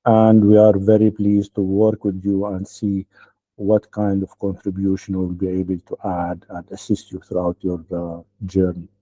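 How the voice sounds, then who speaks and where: Deep dark-voiced man on a dull call. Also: monotone, no room sound. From Lebanon. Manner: halting, many "uh" fillers, ends points with "okay?". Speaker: accelerator program founder. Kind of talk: online welcome speech. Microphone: video call.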